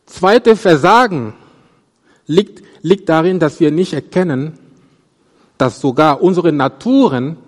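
A man preaches a sermon in a slow, deliberate delivery. He often stammers and restarts words, lifting his voice on quoted verses and letting it fall at each phrase's end. His fairly high voice carries a long reverb, as from a large hall. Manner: halting, with repeated restarts and stammers; voice rises on quoted verses and drops at phrase ends. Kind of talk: sermon on a Bible passage.

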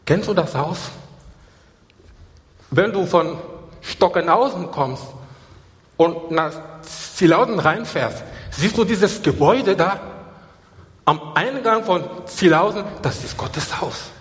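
Emphatic preacher with a ringing hall echo. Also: male voice, high-pitched, expressive, takes it slowly, pauses often. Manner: emphatic, repeats key phrases. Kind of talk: sermon. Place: church.

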